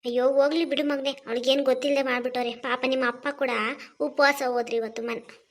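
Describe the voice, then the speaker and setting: Cartoon: high-voiced, domineering mother-in-law, voiced by a woman, sharp and taunting. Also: flat delivery, fast, natural voice. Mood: sly. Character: domineering scolding middle-aged mother-in-law. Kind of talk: cartoon voice acting.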